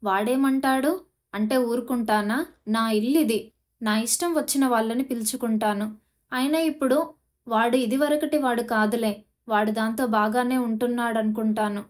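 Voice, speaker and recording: A woman's voice: on the high side, fairly even intonation, moderate pace, natural voice. A woman voicing a frail older woman doctor who is grieving, with a weak voice that turns firm when she defends her home. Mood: defiant. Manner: feeble, then firm and proud.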